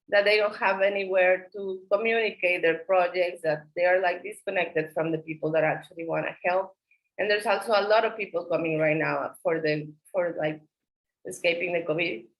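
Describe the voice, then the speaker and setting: A woman co-founding a local project, speaking haltingly on a video call, restarting and searching for words. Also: on the low side, low-quality recording. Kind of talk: online meeting remarks.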